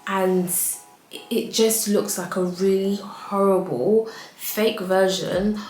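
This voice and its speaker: A woman's voice: mid-range voice, fairly even intonation, slow, a little mellow, echoey room, soft background music. A woman with an African accent giving frank, chatty home decor advice in a casual vlog, laughing often.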